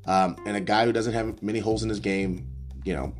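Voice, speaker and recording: Low-pitched guy just riffing on his own show, lots of um and restarts, bit of guitar music in the back. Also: steady tone, brisk. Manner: rambling, self-correcting, frequent ums. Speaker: podcast host doing a mock draft. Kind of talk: casual solo analysis, off the cuff.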